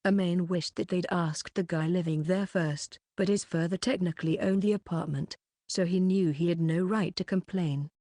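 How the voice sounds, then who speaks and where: Low-voiced woman reading a light novel. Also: steady tone, normal speed, warm tone, no room sound, clean studio sound. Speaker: audiobook reader.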